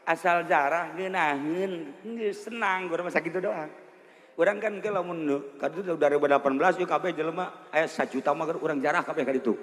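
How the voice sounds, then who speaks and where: A male preacher with a Sundanese accent telling a story in a lively, joking sermon. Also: a little high, fairly quick. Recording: long hall reverb.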